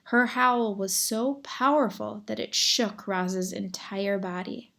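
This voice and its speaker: A woman reading a children's novel aloud as narrator, measured and expressive, sometimes addressing the reader directly. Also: medium pitch, gravelly.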